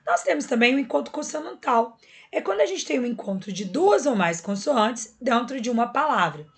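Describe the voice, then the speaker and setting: A woman's voice: on the high side, very animated, normal speed. A woman teacher explains a lesson patiently and step by step, checking in often with her students. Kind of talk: recorded classroom lesson.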